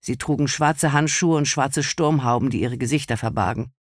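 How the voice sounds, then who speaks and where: A man's voice: medium pitch, moderate pace, no room sound. Male audiobook narrator, dry and close. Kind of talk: scripted narration.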